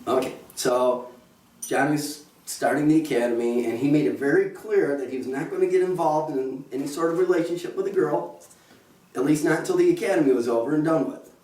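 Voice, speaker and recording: A man's voice: fairly high pitch, brisk, a little mellow. A middle-aged man, the groom's father, officiating a wedding and telling joking stories with frequent chuckles. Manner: joking, anecdotal, often chuckling. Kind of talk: wedding speech. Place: wedding venue. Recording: roomy and distant with faint ambience.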